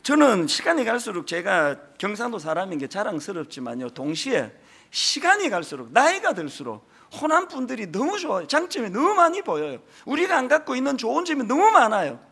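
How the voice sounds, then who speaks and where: With a very high, gravelly, slightly rough voice whose pitch swoops wildly, a middle-aged senior pastor delivers a Sunday sermon a little fast. He hails from Gyeongsang in South Korea and carries a strong accent from there. Emphatic throughout, he rises to forceful peaks and slips in folksy asides.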